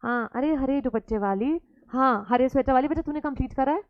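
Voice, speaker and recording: A woman's voice: high-pitched, brisk, no echo, phone-quality sound. A woman teacher giving a classroom lecture, teasing and playfully scolding her students as she mixes Hindi with English.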